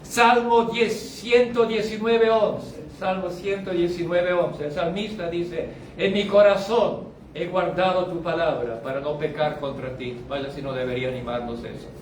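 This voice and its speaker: Male pastor, high voice, emphatic sermon, slow stressed phrases and quiet asides, echoey room, distant mic. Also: steady tone, a little hiss or hum. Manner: emphatic preaching with sharp swings from loud to low.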